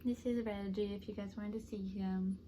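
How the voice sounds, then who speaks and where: A woman's voice: medium pitch, fairly even intonation, normal speed, mellow. A young adult woman giving a casual, rambling, conversational update to camera as a vlogger. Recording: clearly noisy home camera recording.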